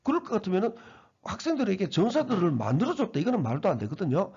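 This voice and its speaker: A man's voice: sits high, very animated, fast talker, a little mellow, breathy edge. A man teaching English grammar, explaining each sentence step by step and repeating phrases as he goes. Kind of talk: grammar lecture. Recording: dull lo-fi recording.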